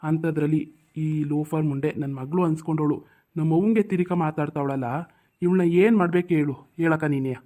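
A man's voice: on the high side, fairly quick, warm tone, lightly acted. A man doing a hot-tempered village son. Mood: complaining. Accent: North Karnataka Kannada.

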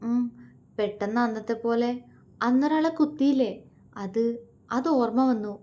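A woman's voice: on the high side, normal speed, mellow, highs cut off, natural voice. A woman voicing an anxious young woman in love, pleading and fearful in a romance story. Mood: frightened. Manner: fretful and pleading.

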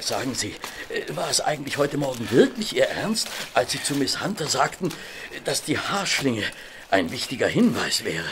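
A man's voice: medium pitch, very animated, normal speed, noisy background, close to an everyday voice. An actor playing a genteel, flustered male doctor and detective's companion in a radio play, polite and mildly exasperated. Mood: puzzled. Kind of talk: German audio drama acting.

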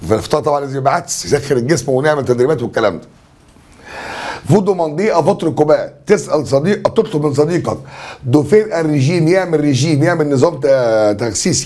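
A French teacher with an Egyptian Arabic accent reviews exam answers in a chatty, joking lesson. His voice is medium-pitched with a darkish tone.

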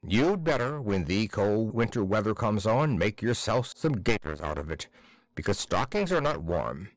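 A blunt, stubborn tailor, played by a man who gives short, decisive verdicts. The voice is a touch lower than the narration, with lively pitch. The sound is dry and close. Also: moderate pace, no room sound. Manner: flat, decisive, curt. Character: blunt one-eyed male tailor, stubborn.

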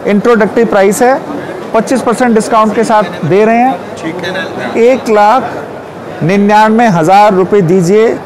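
High-voiced man pitching at an exhibition. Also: unhurried, long pauses, a crowd in the background, rough recording. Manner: confident, persuasive, gestures while explaining. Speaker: pool company representative. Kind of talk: sales pitch at a trade stall. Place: large indoor exhibition hall.

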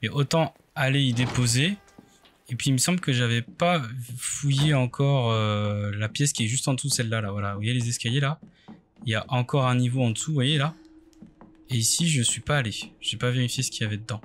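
A man's voice: medium pitch, brisk. A man with a mid-range voice gives casual video game commentary. He thinks aloud hesitantly, muttering in short bursts to himself. There is faint noise behind him. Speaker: let's play video game streamer.

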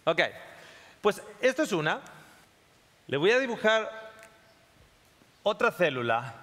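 Male lecturer, high, sharp voice, keeps checking in with the audience; long hall reverb. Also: big pitch swings, takes it slowly. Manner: checks in often with the audience, repeats phrases. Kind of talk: classroom talk to a live audience.

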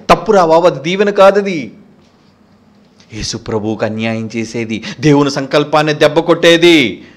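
A man's voice: on the high side, fairly bright tone. A man preaching a sermon in a fiery, scolding manner, firing rhetorical questions at his listeners.

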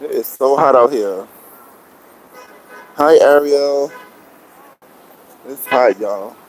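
A man's voice: mid-range voice, slow, low-quality recording. A man, out of breath and sweaty, chatting casually to viewers of his livestream as he walks a busy city street on a phone camera. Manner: chatty, greets viewers, begs for shares. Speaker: vlogger live-streaming. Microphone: phone camera worn or held. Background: street traffic and city bustle.

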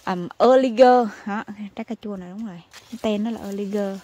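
A woman's voice: medium pitch, fairly even intonation, quick pace, mellow. Chatty woman in her garden. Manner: chatty and exclamatory, calls viewers family. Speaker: gardening vlogger. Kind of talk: casual chat to viewers while harvesting. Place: outdoor home vegetable garden.

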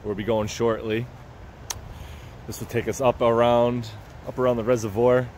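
Out on a wooded lakeside trail, a hiking vlogger talks casually to the camera or phone in his hand, repeating how his phrases begin in a relaxed, rambling way. His voice is middle-pitched and darkish, moderately paced, with little pitch movement, and faint hiss and far-off highway traffic sit beneath it.

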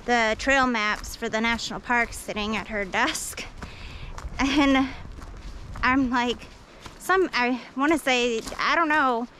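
A woman with a slightly high voice that sounds pushed and bright vlogs a solo hike, talking to an action camera on a forest trail. Her narration rambles, full of fillers and self-deprecating jokes. The recording is rough, with slight background noise.

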